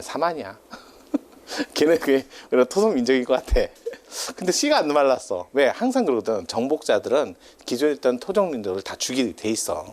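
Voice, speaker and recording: A male lecturer addresses a class in a loose, chatty style, his pitch rising and falling widely. He wanders into tangents, teases, and laughs a lot, with slight background noise present.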